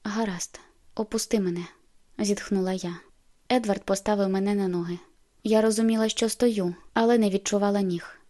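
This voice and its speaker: A woman reading an audiobook in an even, subdued way. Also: medium pitch, fairly quick. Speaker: audiobook narrator. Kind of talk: scripted narration.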